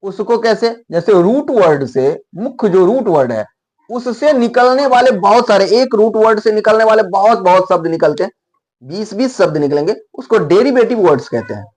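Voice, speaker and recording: A man's voice: sits high, lively intonation, normal speed, darkish tone. A man teaching English words in a video lesson, explaining step by step and repeating words to model their pronunciation.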